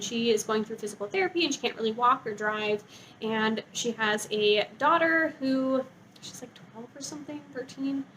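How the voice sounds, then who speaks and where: A woman with a fairly high, slightly bright voice gives a casual, chatty book review to camera like a book vlogger, gushing informally and sprinkling in "like." The audio is poor, with some faint noise behind her.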